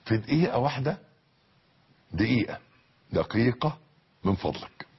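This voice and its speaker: A man preaching a sermon in an Egyptian Arabic accent, fervent and repetitive, moving from soft murmurs to shouted peaks. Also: medium pitch, very animated, moderate pace, breathy edge, muffled recording. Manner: fervent, repeats phrases, swings from soft to shouted. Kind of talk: religious sermon.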